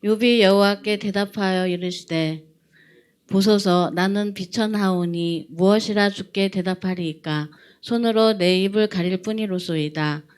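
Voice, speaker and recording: A woman from the congregation reading scripture aloud in a measured, solemn way. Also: medium pitch, steady tone, clean tone.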